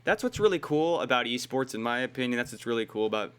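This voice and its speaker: A man's voice: medium pitch, lively intonation, fast talker, clean tone. An American man co-hosting an esports livestream, talking in a laid-back, rambling way with lots of "like" and "dude". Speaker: esports stream co-host. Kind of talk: casual livestream chat.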